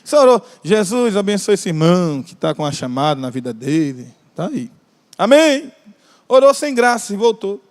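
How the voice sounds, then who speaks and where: This sermon comes from a man with a Brazilian Portuguese accent whose high voice is very animated. He preaches with passion, drawing out key phrases and joking with his congregation, as the large church hall's long reverb rings around him.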